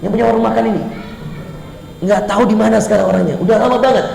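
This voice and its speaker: A middle-aged man preaching a mosque sermon, fervent, building to emphatic repeated lines and dropping soft when moved. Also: steady tone, rapid-fire, gravelly, a little hiss or hum. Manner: fervent, rises to emphatic high repetitions, drops low and soft when moved. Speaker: ustadz, preacher. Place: mosque hall. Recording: echoey mosque hall, faint ambience.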